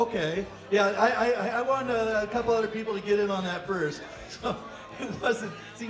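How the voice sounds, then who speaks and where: A man in his fifties emceeing a memorial show, chatty and joking, laughing through his stories on a stage mic in a small rock club. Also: sits high. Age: 50s. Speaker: event emcee. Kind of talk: casual stage banter and storytelling. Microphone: stand mic on stage, taped from the audience. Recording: echoey club taped from far off, crowd. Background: crowd chatter.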